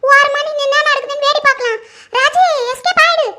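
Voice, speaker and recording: A woman doing a squeaky nervous servant. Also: fairly even intonation, a little fast, pushed and bright. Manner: nervous, muttering to herself. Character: timid comic servant woman.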